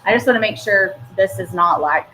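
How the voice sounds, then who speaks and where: A woman's voice: medium pitch, a little fast, sharp tone, slight background noise, rough recording. A woman, co-hosting a casual morning radio chat, giggly and self-deprecating. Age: 30s. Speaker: radio show co-host.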